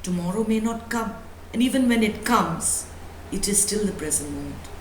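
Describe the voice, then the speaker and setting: In an echoey room at a live indoor talk, faint noise behind her, a woman speaks as a spiritual teacher. Her medium-pitched voice is expressive and moderately paced, pressing her motivational points with repetition and rhetorical questions.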